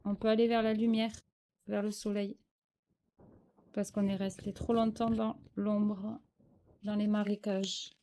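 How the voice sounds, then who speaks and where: A woman's voice: mid-range voice, flat delivery, a little slow, long pauses, dark tone. A French-speaking woman giving a spiritual tarot reading, hesitant and searching for words with many fillers. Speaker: tarot card reader.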